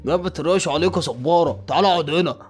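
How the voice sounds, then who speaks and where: Man playing an exasperated Egyptian asylum doctor, high voice, quick talk, scolding. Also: slightly rough, faint music behind. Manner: scolding, shouting at patients, then coaxing softly. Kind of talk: fan-made game movie voice acting.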